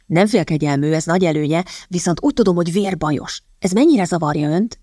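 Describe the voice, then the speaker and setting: A woman reading the lines of a sardonic young gentleman in an audiobook, in a drawling, teasing tone of mock courtesy. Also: fairly low pitch, dry recording, studio quality, lightly acted. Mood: whispering gossip.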